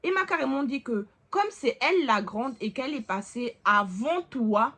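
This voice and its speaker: A woman's voice: high voice, expressive, moderate pace, fairly bright tone. A young woman vlogger telling a personal story in casual chat, emphatic and laughing often.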